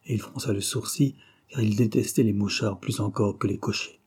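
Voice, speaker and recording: A man reading a classic novel aloud in measured, even narration. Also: on the low side, slightly rough. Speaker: audiobook narrator. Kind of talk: scripted narration.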